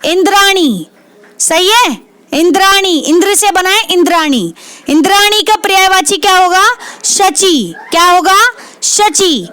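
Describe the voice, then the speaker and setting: Very high-voiced woman tutoring vocabulary. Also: lively intonation, measured pace, pushed and bright, no room sound. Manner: repeats each word, asks and answers her own questions. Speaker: Hindi literature exam tutor. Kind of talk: exam prep lesson.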